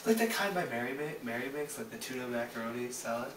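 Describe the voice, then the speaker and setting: A contrary young man teases his friends and pushes back on every point. He is recorded far from the mic in an echoey room with clear background noise. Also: medium pitch, expressive, quick pace. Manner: contrary, teasing, swears casually. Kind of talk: casual chat. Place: home kitchen.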